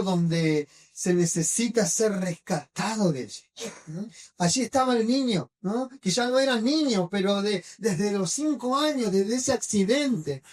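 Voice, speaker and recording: Slow-speaking Argentine woman preaching. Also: mid-range voice, darkish tone. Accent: Rioplatense Spanish. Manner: checks in with the congregation with frequent tag questions; retells scripture slowly, with pauses and fillers. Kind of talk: sermon. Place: church hall. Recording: voice from a distance.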